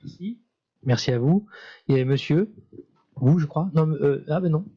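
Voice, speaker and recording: Higher-voiced man moderating, haltingly. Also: breathy edge, highs cut off. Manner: halting, searching for words. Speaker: panel moderator. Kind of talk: informal moderating of a public discussion.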